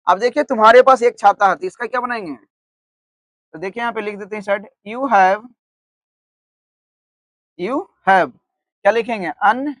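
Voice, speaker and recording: A man with a fairly high voice teaches an online grammar lesson, recorded dry and close. He asks a question, then answers it himself. He spells words out slowly as he writes them. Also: fairly bright tone, dry recording. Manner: repeats "theek hai" often, asks and answers his own questions; spells words out slowly while writing on the board.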